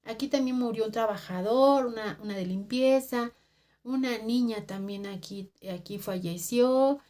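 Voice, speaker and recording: A woman's voice: fairly high pitch, a little slow, mellow, natural voice. A woman voicing a kindly, worried middle-aged cleaning lady, speaking earnestly. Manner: concerned, earnest questioning.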